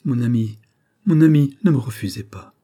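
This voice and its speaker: A male reader lifts his voice into a proud noblewoman who presses her case with passion and insistence. The tone stays dark and mellow under a husky edge, as in a storybook reading. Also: medium pitch, moderate pace, close to an everyday voice. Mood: passionate. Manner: impassioned, pleading and insistent. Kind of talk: audiobook reading of a classic novel.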